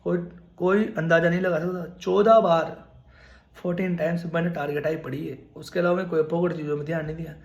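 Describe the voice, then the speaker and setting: A man's voice: on the high side, steady tone, brisk, vocal fry, echoey room. Earnest young man giving exam advice. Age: 20s. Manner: earnest, repetitive, addresses viewers as brother. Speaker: nursing exam mentor. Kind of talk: casual advice talk to camera.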